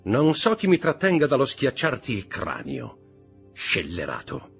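A man's voice: mid-range voice, huge pitch swings, a little slow, gravelly, husky, soft background music, voice pushed up, full character voice. A man reading a stern, cold disguised nobleman. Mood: commanding. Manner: commanding, accusing.

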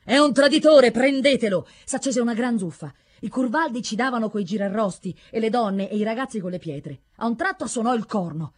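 A woman narrating an audiobook story in a measured, dramatic way. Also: a little high, expressive, slightly rough.

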